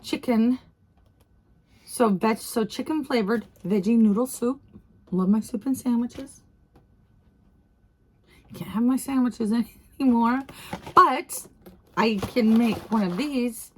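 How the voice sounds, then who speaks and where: A woman vlogger talking casually and gushing with excitement, laughing often as she goes. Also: on the high side, takes it slowly, pauses often, breathy edge. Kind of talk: casual unboxing vlog.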